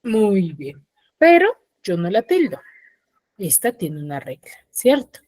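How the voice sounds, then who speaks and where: Teacher in a dry online class. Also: female voice, mid-range voice, sing-song, slow pace, mellow, no echo. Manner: quizzes the students, often checks understanding with short tag questions. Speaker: secondary school teacher. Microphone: video call.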